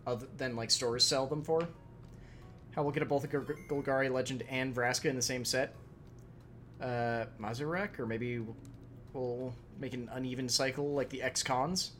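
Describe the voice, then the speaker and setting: Man, let's play host, rambling casual commentary, swears a bit, bright voice, faint game music. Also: mid-range voice. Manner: rambling, swears, reads game text aloud.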